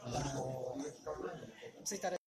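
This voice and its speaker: A man's voice: mid-range voice, normal speed, a crowd in the background. A man with a Tohoku Japanese accent in casual chat. He laughs often and restarts his sentences.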